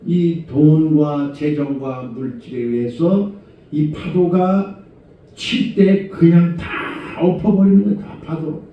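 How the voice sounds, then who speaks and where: A middle-aged man preaching a conversational sermon as senior pastor, asking rhetorical questions and moving between low murmurs and raised exhortation. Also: fairly even intonation, takes it slowly. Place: church sanctuary. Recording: echoey church hall, far from mic, dull sound.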